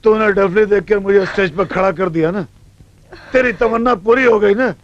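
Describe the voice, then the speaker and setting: An actor playing a bitter, humiliated stage performer who lashes out in film dialogue. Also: male voice, high-pitched, moderate pace, no echo, muffled recording, natural voice. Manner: bitter, shouting.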